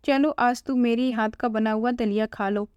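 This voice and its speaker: A woman's voice: on the high side, steady tone, normal speed, a little mellow, clean tone, no room sound, lo-fi sound, natural voice. A woman voicing a patient older mother-in-law. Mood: gentle.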